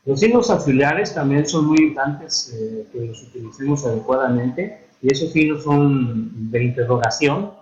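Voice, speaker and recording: A man giving an online lesson on writing and spelling, with a Mexican Spanish accent, unhurried and hesitant with many fillers and restarts. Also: mid-range voice, lively intonation, a little mellow. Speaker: instructor. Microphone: computer mic for a virtual classroom. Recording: echoey, dull online-classroom audio.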